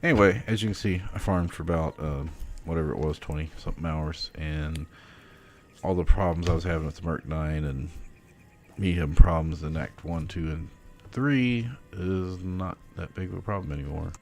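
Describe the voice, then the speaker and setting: A sleepy, yawning gaming streamer talks through a late-night session in casual gameplay commentary, rambling about his plans with lots of fillers and casual swearing. His voice sits low at a moderate pace.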